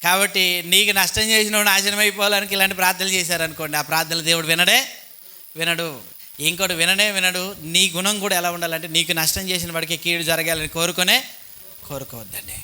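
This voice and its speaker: A man's voice: high voice, fairly even intonation, fairly quick, bright, forceful tone, clean tone. A man preaching a sermon to a church congregation with a Telugu accent, talking in a conversational way and asking his listeners questions as he goes. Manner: conversational, asks the congregation questions, mock-voices petty thoughts. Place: church hall. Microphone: cheap handheld microphone.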